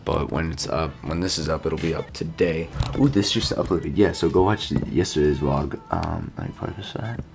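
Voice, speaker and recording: A young male vlogger rambles casually with lots of fillers to a handheld camera held at arm's length, first in his bedroom and then in his car. His voice is extremely low and gravelly, groggy and hoarse from just waking, at normal speed with few pauses and background noise behind.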